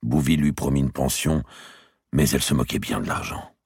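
A man narrating a historical novel as an audiobook in a measured, expressive storytelling manner. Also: rumbling low, vocal fry, husky, no echo, clean studio sound.

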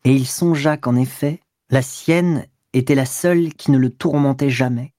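A male audiobook narrator telling a literary story in a measured, steady way. The voice sits close and dry, with no room echo. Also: medium pitch.

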